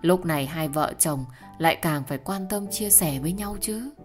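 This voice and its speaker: A woman's voice: sits low, moderate pace, soft background music, natural voice. A woman voicing an aging mother who soothes her daughter and grieves with her, in an audio story. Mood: soothing. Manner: soothing, then shocked and grieving.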